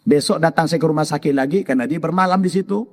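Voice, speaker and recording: A man's voice: fairly high pitch, fast. Preacher man in a reverberant hall. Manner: animated, voicing his mother and others in quoted dialogue. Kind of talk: sermon storytelling.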